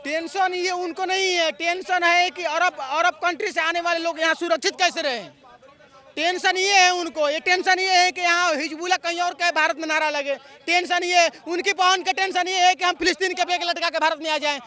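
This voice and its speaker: Man, very high piercing voice, bright and sharp, fiery street-interview rant, outdoors. Rhetorical and heated. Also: steady tone, normal speed. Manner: fiery, rhetorical, chant-like slogans. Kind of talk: heated political vox pop.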